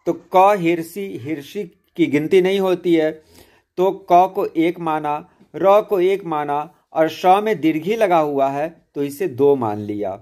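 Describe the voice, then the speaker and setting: Slow, patient man teaching poetry meter. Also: fairly high pitch, darkish tone. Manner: slow, patient, explains step by step with repetition. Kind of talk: spoken lesson on Urdu-Hindi poetry meter.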